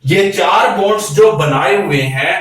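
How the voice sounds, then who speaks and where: A man's voice: high voice, measured pace, fairly bright tone. Male chemistry teacher lecturing, rhetorical questions, distant mic in a reverberant classroom. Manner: keeps asking rhetorical questions and answering them himself; calls students "beta". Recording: very echoey room, mic far off.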